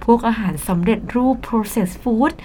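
A woman's voice: on the high side, takes it slowly, mellow, slight background noise. Thai-accented woman explaining English in Thai. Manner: explains in Thai, mixes in English words, laughs often. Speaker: co-host of an English lesson show. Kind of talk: bilingual radio English lesson chat.

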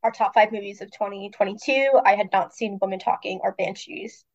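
A woman's voice: mid-range voice, fairly quick, a little mellow, muffled recording. A woman co-hosting a movie podcast, a little congested from a cold, chatting frankly with fillers. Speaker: podcast co-host. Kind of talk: casual podcast chat.

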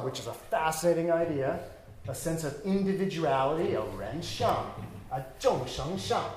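Slow, searching male dharma teacher. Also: a little high, echoey room. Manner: explanatory, thinking aloud with many "like" and "right?". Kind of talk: dharma talk.

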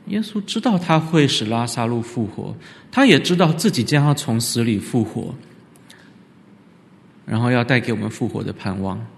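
A man giving an animated church lecture on scripture, often leaping up in pitch for emphasis. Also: normal speed, creaky. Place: church hall. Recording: reverberant church hall.

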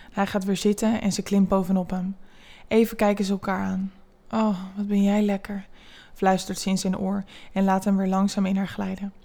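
A woman narrating a scripted erotic story in a calm, level, unhurried reading manner. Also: medium pitch.

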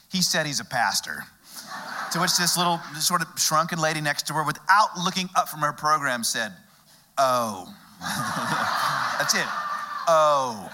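A middle-aged male pastor from Texas, preaching a sermon through a humorous story told with dramatic pauses. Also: on the high side, background noise.

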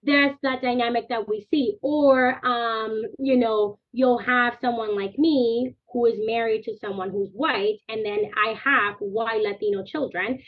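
Appearing on a podcast interview, this thirtyish guest who grew up in the Dominican Republic talks with earnest animation, chaining long clauses together. Her voice sits slightly high, and she keeps a measured pace with fairly even intonation and few pauses. The sound is thin and tinny, as if over the phone.

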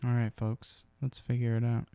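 A man's voice: mid-range voice, completely flat delivery, normal speed, warm tone, clean tone, no room sound. A man co-hosting a podcast in casual chat, laid-back and agreeable. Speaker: podcast co-host.

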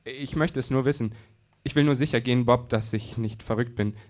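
A man's voice: mid-range voice, fairly quick, close to an everyday voice. A man voicing a cold, mysterious nameless businesswoman who questions insistently. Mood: urgent. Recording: dull lo-fi recording.

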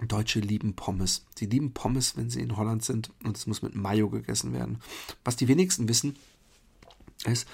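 A man's voice: fairly low pitch, vocal fry, darkish tone, breathy edge. A man from Germany hosting a podcast, talking in a chatty, rambling monologue full of fillers and restarts. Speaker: podcast host. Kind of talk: casual monologue.

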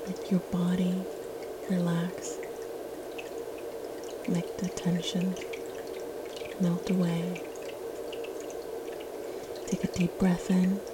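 A woman leading a guided meditation in a soft, soothing, gentle spa-like whisper, as the host. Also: lowish voice, completely flat delivery, slow, pauses often, very noisy. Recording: loud watery ambience, dripping water. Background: running and dripping water ambience.

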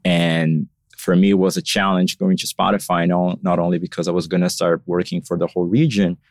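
A man's voice: low voice, little pitch movement, fairly quick, dry recording, studio quality. A man from Brazil, a guest on a podcast, talking casually and thoughtfully, with lots of "you know" and "like" in his answers. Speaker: podcast guest, marketing lead.

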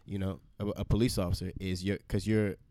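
A man co-hosting a podcast in casual chat, relaxed and halting, often repeating words. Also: sits low, dry recording, clean studio sound. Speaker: podcast co-host.

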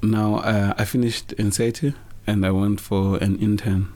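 Young man from Zimbabwe, interview guest, low pitch, hesitant with fillers. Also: flat delivery, moderate pace, warm tone. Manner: hesitant, many fillers and restarts. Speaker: interview guest, business founder. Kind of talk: casual interview answers.

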